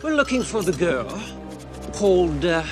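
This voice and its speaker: An actor playing an eccentric, manic hatter who talks in a giddy, cackling, sing-song way, in a film clip with music. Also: male voice, high-pitched, big pitch swings, moderate pace. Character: eccentric, manic male hatter hosting tea.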